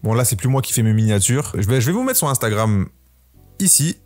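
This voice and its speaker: A man in his 20s, a YouTuber hosting his own podcast, talks casually to camera about his channel, rambling with many fillers and restarts. His mid-range, darkish voice is very animated and brisk, recorded without echo over soft background music.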